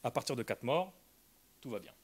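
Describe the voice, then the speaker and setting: A man presents an academic talk in a careful, explanatory way. His voice sits at an ordinary middle pitch. He pauses often, filling gaps with hesitations and restarting phrases. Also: expressive. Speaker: linguistics lecturer.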